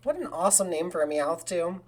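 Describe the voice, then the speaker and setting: A woman streaming a game live, chatting casually in a rambling way and breaking into excited cheers. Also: fairly low pitch, a little fast. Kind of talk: casual live gaming commentary.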